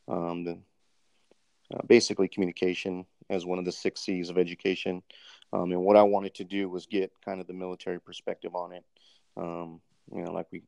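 A man's voice: sits low, creaky, darkish tone, no room sound. A man hosting a podcast interview, polite and formal, with many ums, calling his guest sir. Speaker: host, military doctoral student interviewer. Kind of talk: casual interview, recorded podcast segment.

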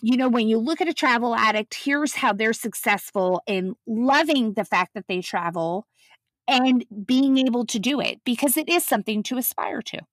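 A woman's voice: fairly high pitch, moderate pace, dry recording. A woman co-hosting a casual travel chat, storytelling and filling her talk with "you know.". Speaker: podcast co-host.

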